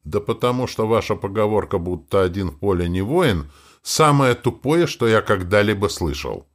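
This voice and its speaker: A man's voice: on the low side, expressive, normal speed, lightly acted. A man voicing a bearded old forest dweller who lectures and scorns the hero in an audiobook. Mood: scornful. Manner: lecturing, contemptuous.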